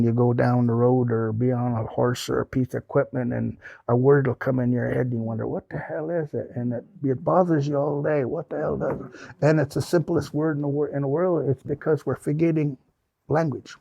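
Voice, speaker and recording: Speaking fairly quickly in a warm, gravelly, medium-pitched voice with a steady tone, this older Pacific Northwest man rambles through folksy stories before a small-hall audience and answers their questions as a guest speaker. The audio is poor, with no room sound.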